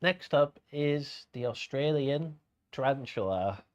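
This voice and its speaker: A man working as a bingo caller and host, announcing each item in a measured way with spaced-out names. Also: medium pitch, expressive, highs cut off.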